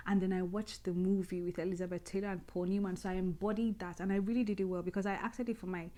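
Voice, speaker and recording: Chatty woman podcast host. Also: mid-range voice. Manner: lively, chatty, nostalgic, with frequent restarts. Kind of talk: personal storytelling monologue.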